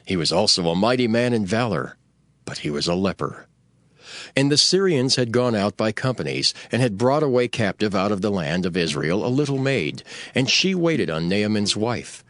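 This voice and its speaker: Deep, expressive male scripture narrator. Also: moderate pace, no room sound.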